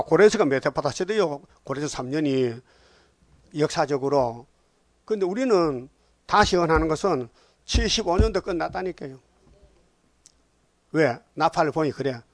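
A man's voice: a little high, animated, normal speed, pauses often, no room sound. A man pastor preaching a sermon, reading scripture aloud and pressing his points with rhetorical questions. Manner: emphatic, rhetorical questions to the congregation.

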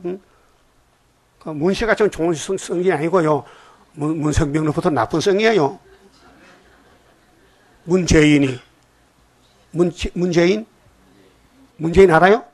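Male preacher, slightly high voice, emphatic sermon delivery that keeps prodding the listeners. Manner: emphatic, prodding the congregation with repeated "eh?".

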